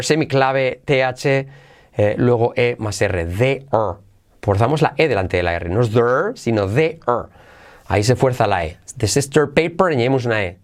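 A man runs a podcast pronunciation lesson. He breaks phrases down sound by sound and repeats them slowly before dashing through quick side remarks. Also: mid-range voice. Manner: switches between quick asides and slow drilled repetition. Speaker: English teacher.

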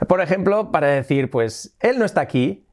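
Lively teacher explaining English slang. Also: male voice, fairly high pitch, moderate pace. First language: Spanish. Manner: lively, emphatic, repeats words and example phrases. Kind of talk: online video lesson.

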